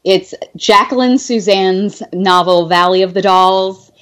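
A woman's voice: mid-range voice, unhurried. Giggly, hesitant woman podcast guest. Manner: laughing, hesitant, many fillers. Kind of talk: casual chat.

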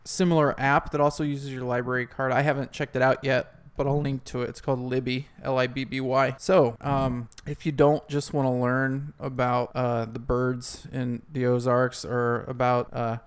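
A man's voice: medium pitch, level tone, moderate pace, hardly any pauses, clear, resonant tone. A man hosting a casual podcast chat, rambling and chatty, laughing often. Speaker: podcast host.

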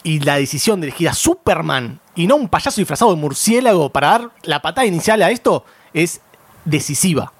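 A man's voice: on the high side, big pitch swings, fairly quick, few pauses, slightly rough, dry recording. A man with an Argentine accent, arguing in a casual podcast debate with emphatic, sarcastic mock-grand praise. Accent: Argentine Spanish. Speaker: podcast panelist.

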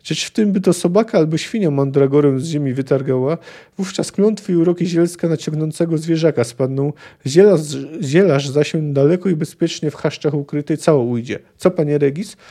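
A boisterous, tipsy dwarf speaks bluntly, in old-fashioned folksy turns of phrase, as a man reads him aloud. The voice is a bit high and soft-toned. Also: brisk, lightly acted. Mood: boastful.

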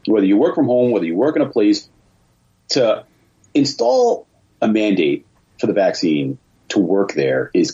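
On a remote internet call, a man guesting on a podcast speaks in a low, dark voice with a breathy edge. He gives blunt, colloquial opinions with emphatic repetition in a casual discussion, and the call audio sounds dull and lo-fi.

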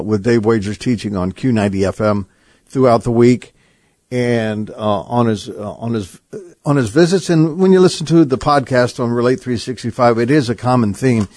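Mid-pitched male radio host, halting. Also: darkish tone, no room sound. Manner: conversational, halting, with many fillers.

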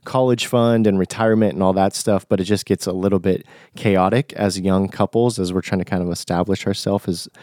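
Nasal, low-voiced young man podcasting. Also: fairly even intonation, fairly quick, hardly any pauses, darkish tone, no room sound, clean studio sound. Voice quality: nasal, congested voice. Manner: informal, conversational, buddy-like slang. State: recovering from flu, stuffy nose. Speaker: podcast host. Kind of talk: casual solo podcast talk.

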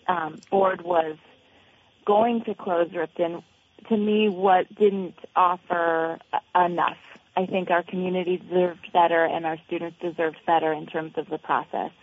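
A woman with a slightly low, husky voice speaks over a narrow phone connection. She is an interview guest, measured and careful, pausing often between phrases. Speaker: interview guest, local parent. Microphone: telephone. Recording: tinny, narrow telephone line.

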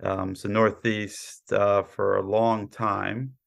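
An American man in his thirties, born in Poland and living in Brooklyn, New York, appears as a podcast guest working in cyber insurance. He answers questions conversationally, modest and explanatory. His voice is fairly low, slow and creaky, with little pitch movement.

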